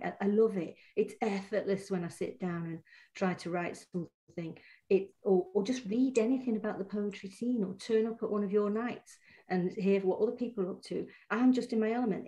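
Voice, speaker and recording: In a casual interview, a middle-aged woman poet from Manchester talks as the guest, her Mancunian accent carried by a medium-pitched, dark-toned voice. Her speech is full of fillers and restarts.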